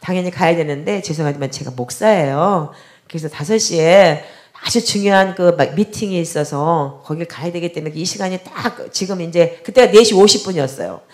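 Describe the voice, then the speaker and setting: During a prayer service, a middle-aged woman pastor shares a testimony from her pulpit, imitating the other people's voices as the story unfolds. She talks fairly quickly in a lowish, darkish voice.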